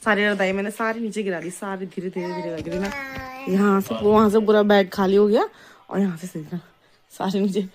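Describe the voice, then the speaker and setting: A woman's voice: medium pitch, steady tone, fairly quick. Chatty woman vlogging at home. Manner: chatty, talks to her baby and viewers. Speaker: vlogger, mother. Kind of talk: casual home vlog chat. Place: home, bedroom. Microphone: phone camera.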